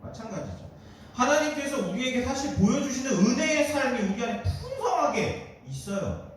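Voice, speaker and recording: A man preaching to teenagers as their youth pastor, asking them direct questions in an animated way. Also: very high voice, normal speed, a little hiss or hum. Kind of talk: sermon to teenagers. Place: church hall. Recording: very echoey hall, distant mic.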